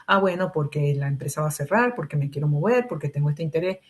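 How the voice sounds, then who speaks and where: A woman's voice: deep voice, animated, fast talker. A Venezuelan woman acting out a female job candidate who gives short, matter-of-fact answers.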